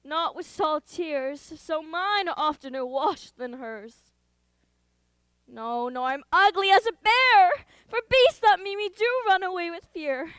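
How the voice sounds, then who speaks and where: A lovelorn, self-pitying young woman with a very high voice that turns indignant, as a woman plays her in a school play. The sound is dry and close. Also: animated, measured pace, a bit bright, dry recording, exaggerated voice. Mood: pleading. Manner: pleading, rising to indignant outbursts.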